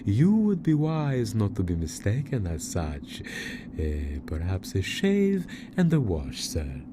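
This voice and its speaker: A man's voice: on the low side, huge pitch swings, slow pace, background noise, heavily acted. A man playing a frail, nervous old barber in a Western video game, obsequious and hesitant with muttered hums. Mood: reverent, suspicious. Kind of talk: video game character acting.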